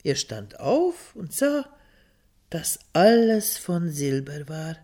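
A storyteller giving a slow, expressive fairy tale reading. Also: medium pitch.

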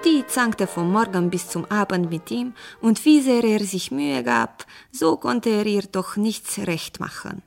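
A woman reading a fairy tale aloud as a storyteller, measured and unhurried. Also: medium pitch, very animated, vocal fry, a little mellow, faint music behind.

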